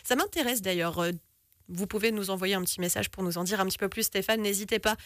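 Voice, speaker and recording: A woman hosts a live radio talk show from a studio, speaking fast in a mid-range, slightly bright voice picked up cleanly by a studio microphone with no echo. She's chatty, laughs easily, and reads out messages from listeners.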